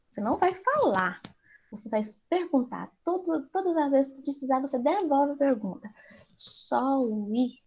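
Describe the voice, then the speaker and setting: A woman's voice: a little high, a little mellow. A middle-aged woman teacher with a Brazilian Portuguese accent, explaining to parents in a live class and asking rhetorical questions.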